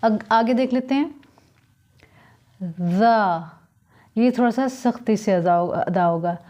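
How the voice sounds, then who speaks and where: A woman's voice: a little high, slow, warm tone. A woman teaching Quran letter pronunciation, sounding out each letter carefully and explaining patiently. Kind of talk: slow letter-by-letter recitation lesson.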